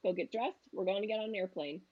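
A woman's voice: medium pitch, quick pace, dull audio. A woman in her thirties, a travel agent guest, chatting casually and acting out quotes as she tells stories. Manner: chatty storyteller who acts out quotes. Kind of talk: casual chat.

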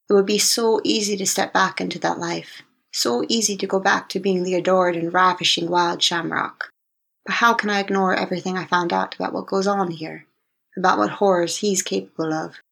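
Husky woman reading an audiobook. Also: on the low side, fairly bright tone. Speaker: audiobook narrator. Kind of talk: scripted first-person narration.

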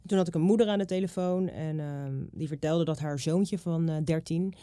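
Woman rattling off her story fast, keeps saying weet je wel, mellow tone. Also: sits low, dry recording, clean studio sound. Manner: fills speech with "weet je wel", earnest and open. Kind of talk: casual conversation.

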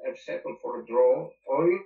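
A man's voice: medium pitch, moderate pace, distant mic. A non-native English-speaking man, a former goalkeeper, looks back on his playing days in an interview. He is emphatic and repeats key phrases. His voice sits back from the mic in a roomy space, with a slightly dull tone. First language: not English. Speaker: former football goalkeeper, guest. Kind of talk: reminiscing interview.

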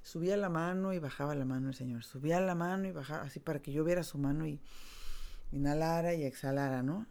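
A woman with a Mexican accent recounting a personal story in a casual, candid way. Her voice sits somewhat low and sounds soft and warm. She drops slang and swear words freely and speaks with open feeling. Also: quick pace, vocal fry.

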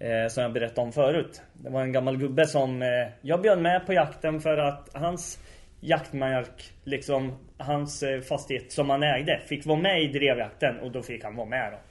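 A man casually telling hunting stories, a lively storyteller who uses lots of fillers. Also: mid-range voice. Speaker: hunt organizer telling stories.

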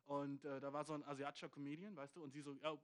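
A young man doing a comedy rant, slangy and loose, throwing in 'dude' constantly and jumping up in pitch for emphasis. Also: fast talker. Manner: slangy, loose, full of 'Dude' and 'weißt du'; animated, jumps into high pitch for emphasis.

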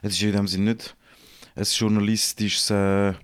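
A man's voice: on the low side, little pitch movement, moderate pace, smooth. A man in his thirties with a Swiss German accent, chatting loosely as a podcast guest and laughing often. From Switzerland. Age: 30s. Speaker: guest rapper. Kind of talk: casual podcast chat.

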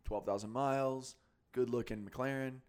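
A man hosts a casual car podcast at a mid pitch, often laughing at himself. He tells his stories with animated asides. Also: normal speed, clear, resonant tone. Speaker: podcast host.

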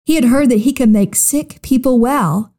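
A woman in her thirties hosting a children's podcast, gently narrating a Bible story and speaking directly to young listeners. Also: a little high, normal speed.

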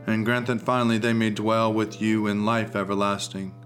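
Solemn low-voiced man reciting prayers over music. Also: monotone, a bit bright. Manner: solemn, measured phrasing. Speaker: prayer officiant.

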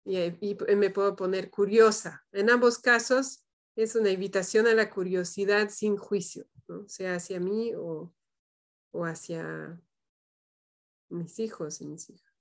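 A woman leading a parenting practice group, speaking calmly and thoughtfully with frequent questioning tags. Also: medium pitch, a little slow. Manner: calm, thoughtful, many "¿no?" tags. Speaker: group facilitator. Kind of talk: reflective group discussion.

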